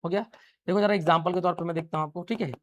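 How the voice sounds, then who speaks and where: High-voiced man teaching a class. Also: fairly even intonation, rapid-fire, a bit bright. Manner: asks the class a question, then answers it himself; repeats key phrases many times. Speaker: English teacher. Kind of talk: live classroom lecture. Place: classroom with students.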